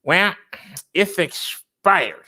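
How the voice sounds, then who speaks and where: A man's voice: high-pitched, lively intonation, drawn-out words, bright, forceful tone, voice pushed up, full character voice. A man in his fifties mimicking a stubborn female phone agent who keeps repeating herself. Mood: insistent. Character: curt female age-check phone agent.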